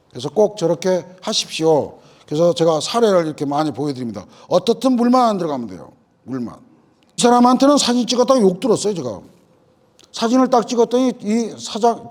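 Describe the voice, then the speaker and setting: A middle-aged man teaches a room of farmers in a folksy, storytelling way. His voice sits high and swings widely up and down as he acts out the people in his anecdotes. He sounds like he is speaking in a lecture hall. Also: darkish tone. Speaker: agricultural lecturer.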